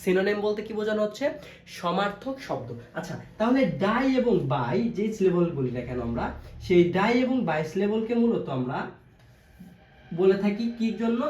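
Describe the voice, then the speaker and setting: A male English teacher gives a classroom-style video lesson in a high, slightly mellow voice, posing questions and answering them himself while repeating each key term. The room is echoey, with faint background noise.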